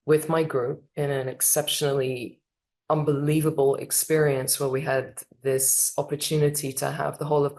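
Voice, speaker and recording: A middle-aged woman sharing a personal story at an online memorial ceremony, animated and acting out what people said. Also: low voice, vocal fry. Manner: animated, acts out quoted voices. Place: online video call.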